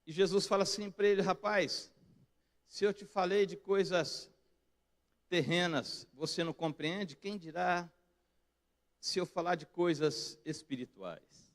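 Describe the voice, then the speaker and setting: A man with a Brazilian Portuguese accent preaching a sermon as pastor in a church, moving between quiet reflective passages and loud emphatic peaks. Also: sits high, a little slow, long pauses. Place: church sanctuary.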